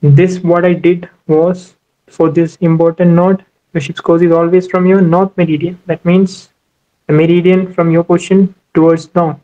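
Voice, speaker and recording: Over a tablet screen recording of a whiteboard, a man teaches ship navigation one step at a time, saying "you know" often. He speaks at a moderate pace in a high, mellow voice with little pitch movement, and the audio is lo-fi.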